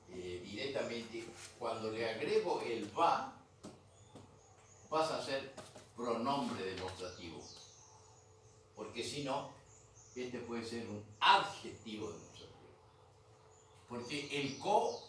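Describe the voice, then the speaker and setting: A male language teacher runs a grammar class in a museum room, patiently repeating terms and making sure students keep up. His voice is mid-range with a fairly bright tone. The room echoes, the mic is far away, and there's faint noise.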